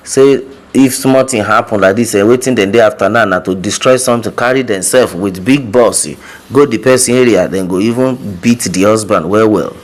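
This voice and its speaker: A man's voice: lowish voice, moderate pace. A Nigerian man giving informal news commentary, repeating points for emphasis and addressing his listeners directly with hesitation sounds.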